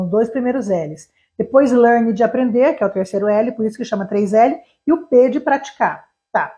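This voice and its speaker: A woman's voice: on the high side, darkish tone. A Brazilian woman, an English teacher, giving a live online lesson, explaining animatedly with examples and rhetorical questions. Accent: Brazilian Portuguese.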